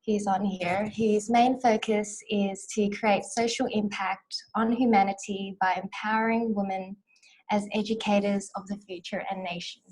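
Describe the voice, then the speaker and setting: This conference host is an Australian woman in her twenties on a video call, using her webcam in a small room. She takes an unhurried pace in a medium-pitched voice, softly and calmly counting through a breathing exercise and then welcoming everyone warmly. The recording sounds rough.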